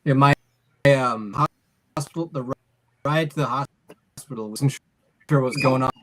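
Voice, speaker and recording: A man speaking haltingly on a video call, his audio glitching and breaking up. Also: medium pitch, noisy background. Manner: halting, hesitant, trailing off. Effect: choppy, glitching call audio that breaks up. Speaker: stroke survivor guest on a video call.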